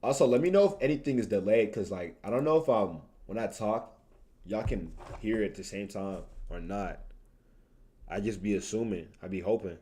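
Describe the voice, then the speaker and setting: A young Tanzanian streamer and video creator speaks at normal speed in a lowish voice with a dark tone. His livestream chat is casual and full of informal slang, with phrases repeated for emphasis.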